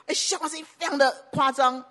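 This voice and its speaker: A woman pastor preaching a sermon emphatically, piling up repeated phrases and breaking into sudden loud bursts. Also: high-pitched, fairly even intonation, quick pace.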